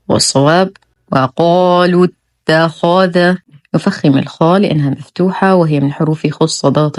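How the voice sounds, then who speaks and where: A woman teaching Quran recitation rules in a slow, methodical lesson, demonstrating each sound before explaining it. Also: low-pitched, darkish tone, no room sound, studio quality. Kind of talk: slow, careful tajweed lesson.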